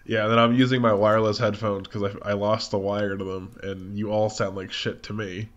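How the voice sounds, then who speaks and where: A young man with a stuffy nose, co-hosting a casual podcast, talking bluntly, swearing a lot and laughing easily, in a room with a high ceiling. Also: flat delivery, a little fast. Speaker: podcast co-host. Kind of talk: casual chat. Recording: dull lo-fi mic in a reverberant room.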